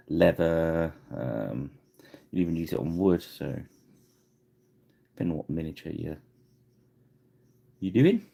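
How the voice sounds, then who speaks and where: Deep gravelly man hosting a paint stream. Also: warm tone. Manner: rambling, chatty, laughs at himself. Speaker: miniature painting livestream host. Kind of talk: casual live painting tutorial.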